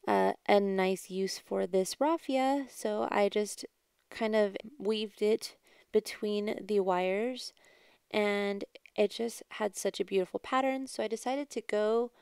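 Woman, craft vlogger, chatty casual voice-over, clear smooth tone with vocal fry. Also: medium pitch, a little mellow, no echo, clean studio sound. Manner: chatty, informal. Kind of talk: casual DIY voice-over narration.

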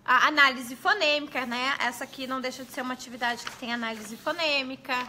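A woman's voice: high voice, fairly even intonation, fast talker, pushed and bright. A woman pedagogue, giving chatty, explanatory tips on classroom activities to fellow teachers. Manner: chatty, explanatory, addresses viewers as gente.

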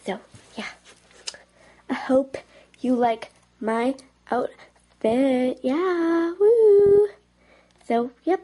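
A woman chatting playfully as she dresses up toys, now and then dropping into soft whispered asides. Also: a little high, fairly even intonation, very slow, pauses often. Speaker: toy dress-up vlogger. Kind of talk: casual playful chat.

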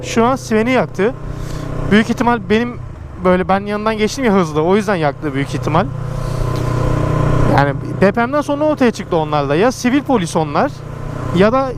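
High-voiced man talking inside a motorcycle helmet. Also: expressive, fairly quick. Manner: slangy, exclamatory. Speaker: motorcycle vlogger. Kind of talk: casual riding commentary. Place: outdoors, riding a motorcycle through traffic. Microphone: microphone inside a motorcycle helmet. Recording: loud motorcycle and wind noise.

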